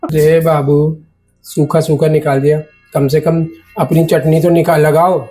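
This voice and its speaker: A woman's voice: low-pitched, little pitch movement, measured pace, dark tone, soft background music. A woman acting a teasing, whiny partner in a comedy sketch. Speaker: comic actress.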